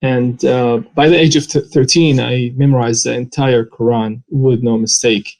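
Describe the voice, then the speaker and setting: A Saudi man whose first language is Arabic gives an earnest personal testimony in an interview, speaking haltingly with many "uh" pauses in a Saudi Arabian accent. His voice is medium-pitched, fairly even, and a little mellow, though the audio quality is poor.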